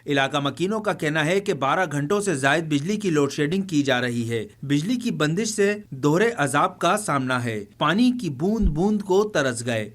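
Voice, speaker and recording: A man reporting in a formal, measured news voice-over. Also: a little high, lively intonation. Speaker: field reporter.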